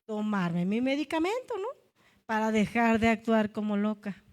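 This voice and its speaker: A woman with a high, bright voice and a Mexican Spanish accent gives a heartfelt testimony to her congregation. She talks in a confessional, emotional way and keeps turning to the listeners as brothers and sisters. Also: sing-song, normal speed. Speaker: church speaker. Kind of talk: testimony sermon. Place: church meeting room.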